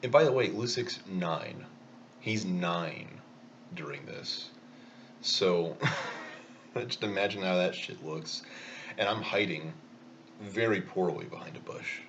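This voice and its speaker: A man's voice: low-pitched, takes it slowly, long pauses, lo-fi sound, background noise. A man telling a rambling, self-mocking story in a casual vlog while eating. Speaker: vlogger.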